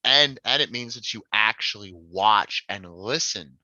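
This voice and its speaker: A man on a casual live stream who chuckles and tells stories excitedly while reading the chat. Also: on the low side, measured pace, dry recording. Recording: dry, muffled mic audio.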